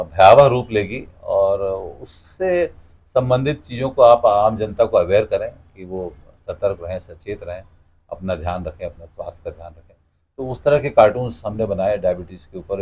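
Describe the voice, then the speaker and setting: Somewhat low and a touch mellow, this middle-aged man's voice carries him through an interview as a guest. A cartoonist and radio announcer, he explains things conversationally through stories, quoting what people said.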